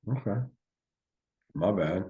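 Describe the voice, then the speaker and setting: A man's voice: low voice, lively intonation, slow pace, dark tone. A man co-hosting a podcast in casual chat, laid-back and rambling with many fillers. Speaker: podcast co-host.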